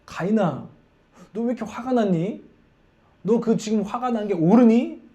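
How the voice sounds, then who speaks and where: A man voicing God as a patient father who gently questions and warns during a sermon. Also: high voice, normal speed, voice pushed up, lightly acted. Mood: gentle.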